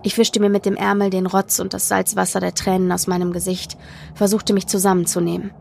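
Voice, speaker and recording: A woman narrating a horror story in the first person, with tense, expressive delivery. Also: mid-range voice, brisk, vocal fry, a little hiss or hum. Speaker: podcast narrator. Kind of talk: dramatic horror story reading.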